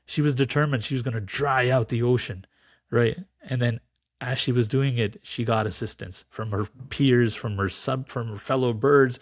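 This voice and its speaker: A man talks in a relaxed podcast setting, his voice close and dry with no room sound. He explains spiritual ideas and tells a parable with lively voices for the characters. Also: mid-range voice, moderate pace, no echo. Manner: animated storyteller, acts out quoted voices. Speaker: podcast guest, teacher of Sikh philosophy. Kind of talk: casual podcast storytelling.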